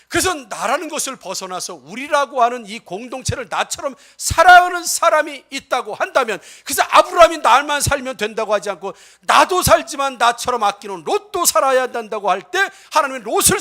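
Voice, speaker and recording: A male pastor with a very high voice delivers a Sunday sermon, posing rhetorical questions to the congregation and swinging between loud exhortation and soft asides.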